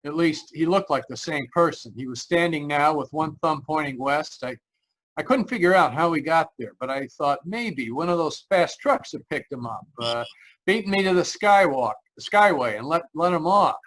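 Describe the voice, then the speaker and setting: A man performs 1940s radio mystery acting as lead narrator, playing a nervous motorist relating an eerie road story with hesitant drama and a haunted, brooding mood. His voice is on the high side, fairly bright, and animated at a normal speed. The remote video call audio is low quality.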